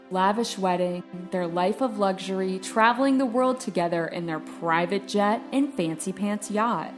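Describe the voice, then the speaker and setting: A woman hosting a true-crime review podcast, retelling the story with playful, sarcastic asides. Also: medium pitch. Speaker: podcast host.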